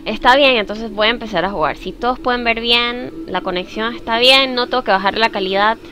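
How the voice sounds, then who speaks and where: A woman's voice: on the high side, fairly quick, faint music behind. A young woman streaming a horror game live. She chats to her viewers and shrieks when the game startles her. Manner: jumpy, screams at scares then talks softly to chat. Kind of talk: live gaming stream chat.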